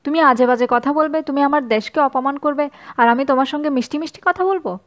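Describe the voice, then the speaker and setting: A woman voicing an excitable, patriotic young male student who talks in hurried, blustering outbursts. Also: very high-pitched, pitched above the performer's own voice. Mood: furious.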